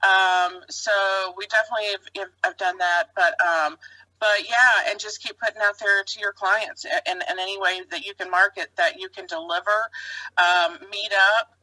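A woman's voice: medium pitch, steady tone, normal speed, bright, forceful tone, no room sound, rough recording. A woman who co-owns a honey business, chatting casually with many fillers and restarts. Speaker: co-owner of a honey business, podcast guest. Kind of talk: casual chat.

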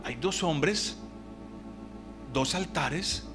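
A man's voice: a little high, drawn-out words, music in the background. A man preaching a sermon to his congregation, emphatic, drawing out key words and posing rhetorical questions.

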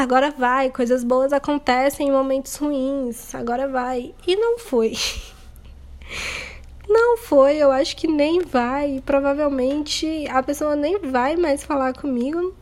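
High-voiced young Brazilian woman podcaster. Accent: Brazilian Portuguese. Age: young adult. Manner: candid, rambling, self-mocking with nervous laughs. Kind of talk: casual confessional monologue.

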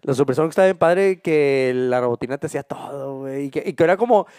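A young man with a Mexican Spanish accent co-hosting a casual podcast, chatting in a relaxed, slangy way. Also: medium pitch, fast, smooth, no room sound, clean studio sound. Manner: relaxed, slangy, laughs often. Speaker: podcast co-host.

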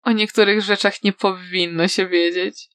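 A woman voicing a cruel, sly young villain who taunts in a soft, low voice, in a storybook reading. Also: fairly even intonation, normal speed, no room sound, close to an everyday voice. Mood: taunting.

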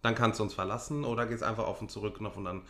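A man's voice: on the low side, fairly even intonation, rapid-fire, sharp tone. A man co-hosting a podcast in casual banter, joking and laughing often as he rambles along. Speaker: podcast co-host. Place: living room of a house.

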